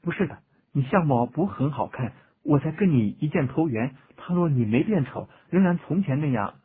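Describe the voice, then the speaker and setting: A man voicing a kind-hearted young man in a storybook tale, speaking sincerely and gently. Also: on the high side, expressive, moderate pace, breathy edge. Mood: gentle. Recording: tinny phone-like audio.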